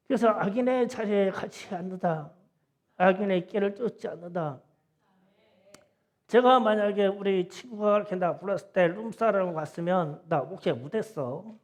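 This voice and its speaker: In a church sanctuary, a middle-aged pastor preaches a Sunday sermon in a high-pitched voice with a gravelly, creaky grain. He tells his story in a folksy, chatty manner, slipping into soft asides before driving his points home with loud, emphatic insistence.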